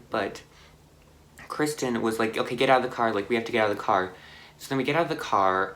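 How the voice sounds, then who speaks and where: A young man telling a car crash story on his vlog, halting and shaken, with many fillers and restarts. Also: lowish voice, gravelly, bright, forceful tone. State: anxious, shaken. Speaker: vlogger.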